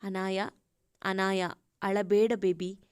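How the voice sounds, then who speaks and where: A woman's voice: medium pitch, a little slow, darkish tone, clean tone, dry recording, clean studio sound, close to an everyday voice. A woman voicing a critically ill older man who speaks faintly and with strain, urging and pleading. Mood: tender.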